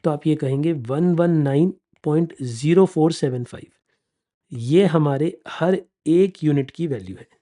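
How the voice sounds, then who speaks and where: Mellow-voiced man teaching a class. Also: a little high, unhurried. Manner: explains step by step, keeps checking that students follow; calls students affectionately "beta" and "bachchon". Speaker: finance exam teacher. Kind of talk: classroom lecture.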